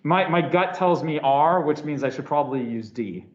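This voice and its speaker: A man's voice: fairly high pitch, expressive, moderate pace, dull audio. Man lecturing with a sore throat in an echoey hall. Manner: casual, rambling, frequent restarts and fillers. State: sore throat, slightly slurred. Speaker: physics lecturer. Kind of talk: classroom lecture.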